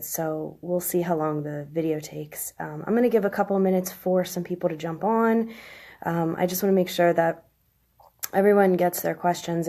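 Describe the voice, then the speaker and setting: A woman in her thirties with a chest cold, hoarse with a smoker's rasp, giving a halting, informal explanation on a live stream. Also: fairly low pitch, dark tone. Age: 30s. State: chest cold, coughing and clearing throat. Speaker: live stream host, tarot reader. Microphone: phone.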